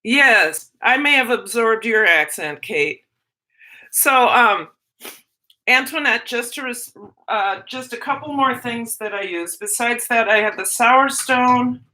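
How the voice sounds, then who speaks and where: A woman with a Minnesota accent, a teacher who hosts a livestream, casually responds to viewer comments while rambling and interrupting herself. Her voice sits on the high side, slow and sharp, in a low-quality recording.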